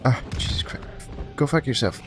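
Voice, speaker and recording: A man giving casual commentary on his own fighting game play, joking, swearing and taunting the characters on screen. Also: moderate pace. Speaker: let's play host. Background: faint game music.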